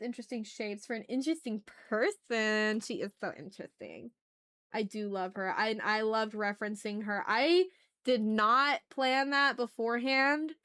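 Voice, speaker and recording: This woman's voice is fairly high, a bit bright, and smooth. She hosts an easygoing art stream, voicing her thoughts as she draws and chatting with viewers in informal, slang-filled, enthusiastic language.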